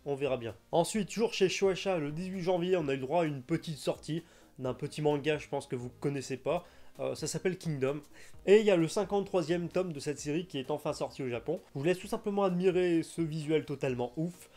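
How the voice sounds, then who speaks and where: Young male host for casual commentary: eager, rambling, with a warm, fairly high voice. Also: fairly quick. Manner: chatty, enthusiastic, frequent hesitations. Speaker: manga news YouTuber.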